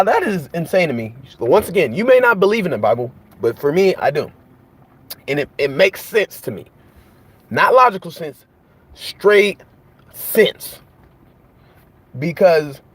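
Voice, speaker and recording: A man preaching in an impassioned monologue, piling up rhetorical questions and repetition. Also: high voice. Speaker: host.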